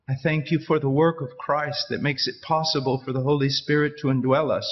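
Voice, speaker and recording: A man preaching a sermon at a pulpit microphone. He speaks in earnest, short phrases and pauses after each one for an interpreter. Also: fairly high pitch, flat delivery, lo-fi sound.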